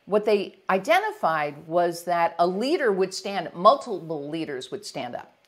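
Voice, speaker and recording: A middle-aged American woman coaching on leadership, her pitch rising and falling freely as she talks. She speaks with energy and clear conviction, moving easily through her explanations in a relaxed interview setting. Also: measured pace. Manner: energetic, acts out examples in varied voices. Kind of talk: conversational podcast interview.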